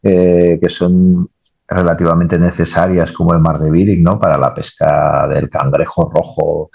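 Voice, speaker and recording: A man's voice: low-pitched, level tone, measured pace, gravelly, darkish tone, husky, dry recording, highs cut off. A man, a naval engineer, answering interview questions casually and rambling, often adding tag questions.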